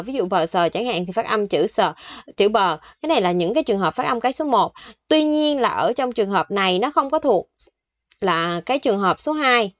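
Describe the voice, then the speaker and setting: A woman's voice: mid-range voice, no room sound. A woman teaching a vocabulary lesson, patiently explaining each word and repeating it several times. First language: Vietnamese. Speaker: Korean language teacher.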